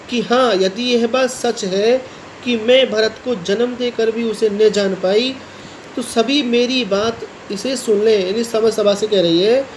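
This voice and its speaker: A woman's voice: mid-range voice, darkish tone, a little hiss or hum, poor audio. A woman college teacher giving a recorded lesson, reading a poem aloud and explaining it line by line, repeating each point in plainer words. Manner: slow, repetitive paraphrasing of each verse in plain words.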